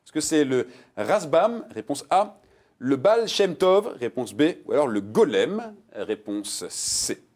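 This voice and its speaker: Taking his time, a medium-pitched man hosts a TV quiz show. He reads the multiple-choice questions with lively emphasis and keeps up a playful, joking rapport with contestants.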